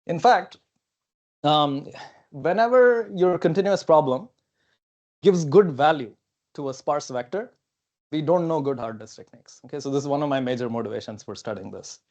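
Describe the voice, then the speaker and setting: At a whiteboard in a lecture hall, a young man whose native language isn't English talks through a technical seminar, loose and thinking aloud, peppering it with okays and fillers. His fairly high, slightly mellow voice comes at normal speed. The clip-on lapel mic recording has its highs cut off.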